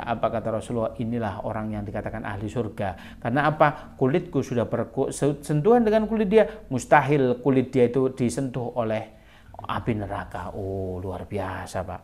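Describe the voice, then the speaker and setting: A male preacher, telling a story in a sermon, animated and acting out the quotes. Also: medium pitch. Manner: animated, acts out quotes, mixes in Javanese words.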